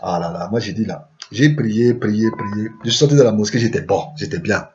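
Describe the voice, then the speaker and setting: A man's voice: fairly low pitch, lively intonation, normal speed, darkish tone, highs cut off, a little hiss or hum. A man telling a rambling comic story, full of chatty asides and word-play.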